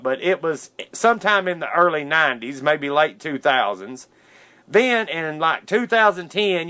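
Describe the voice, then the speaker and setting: A podcast host with a fairly high, fairly bright voice chats casually on his solo show. He retells cartoon history in an informal, loosely worded, enthusiast's manner.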